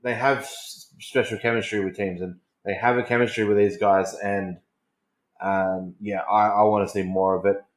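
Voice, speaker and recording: Echoey, low-voiced man chatting about wrestling. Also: flat delivery, normal speed. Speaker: wrestling podcast host. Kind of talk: casual wrestling chat. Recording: roomy, echoing voice recording.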